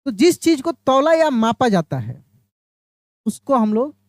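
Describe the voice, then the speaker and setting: A woman's voice: high voice, big pitch swings, a little mellow, no room sound, clean studio sound. A woman teaching an exam-prep grammar lesson, explaining step by step and often asking her listeners questions before answering them herself. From India. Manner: drawls English example phrases out slowly.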